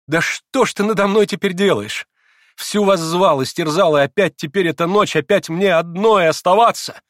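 A man voicing a proud, wild young woman who speaks in impassioned, shrill outbursts. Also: lively intonation, measured pace, dry recording, clean studio sound. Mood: frenzied.

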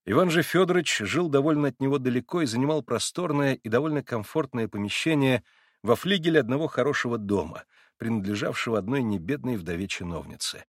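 A man reading a classic novel aloud in measured, even scripted narration. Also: mid-range voice, no echo, clean studio sound. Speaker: audiobook narrator.

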